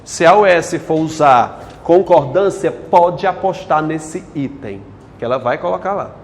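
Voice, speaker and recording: A man's voice: fairly high pitch, lively intonation, measured pace, in a large hall, a little hiss or hum. A male teacher lectures a class on grammar, quizzing the students with questions as he goes.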